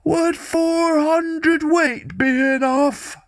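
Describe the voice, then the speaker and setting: A woman voicing a greedy, inquisitive male bear in a children's story, speaking slowly and politely. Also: high voice, fairly even intonation, no echo, clean studio sound, pitched above the performer's own voice, exaggerated voice. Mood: eager. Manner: slow, wheedling, polite.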